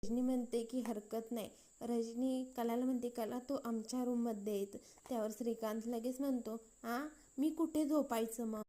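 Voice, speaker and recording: A woman's voice: fairly high pitch, fairly even intonation, moderate pace, mellow. A woman with a Marathi accent retelling a serial episode, quoting each character's lines in turn. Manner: retells scenes with quoted dialogue, "so-and-so says". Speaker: storyteller recapping a TV serial.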